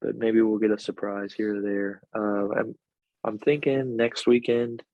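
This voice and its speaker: A man co-hosting a podcast in casual chat, easygoing and quick to laugh, talking over a remote call. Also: lowish voice, level tone, no room sound, dull audio. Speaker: podcast co-host. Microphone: remote call mic.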